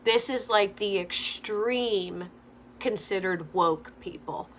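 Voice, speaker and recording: Speaking slowly in a mid-range voice, a young makeup vlogger offers chatty, opinionated remarks as she does her makeup. She fills her speech with frequent "like"s. Faint noise can be heard in the background.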